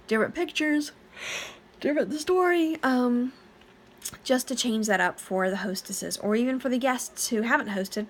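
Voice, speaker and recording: A direct sales consultant gives her team a casual training talk late at night, her mid-range voice slightly bright against faint background noise. Though she sounds tired and keeps yawning, she stays chatty and eager, using plenty of fillers and restarts.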